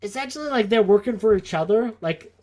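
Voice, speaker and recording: A man's voice: sits high, animated, fairly quick, a little mellow. A tipsy man co-hosting a podcast, rambling through a story with constant filler words. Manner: rambling, lots of filler likes. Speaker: podcast co-host.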